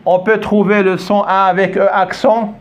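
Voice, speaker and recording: A man's voice: high-pitched, little pitch movement, normal speed. A man teaching French in a classroom, patiently repeating words and asking often if the students follow. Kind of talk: classroom lesson. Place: classroom with a board.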